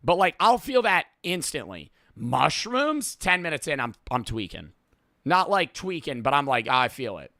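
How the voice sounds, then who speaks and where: A man's voice: fairly high pitch, big pitch swings, moderate pace, creaky, bright, forceful tone, dry recording, studio quality. A man streaming a reaction video, telling rambling, profane stories in casual talk.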